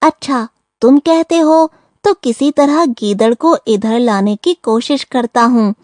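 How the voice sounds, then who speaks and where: A crafty tortoise friend, high-voiced and slow-spoken. He is part of a storybook audio play, recorded dry and close. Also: darkish tone, no echo. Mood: friendly.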